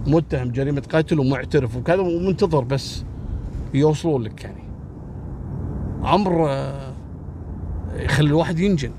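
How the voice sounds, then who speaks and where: A man narrating a crime story casually and dramatically, with a high-pitched voice. He speaks straight to the listener, and faint vehicle noise sits behind him. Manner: animated, dramatic, addresses the listener.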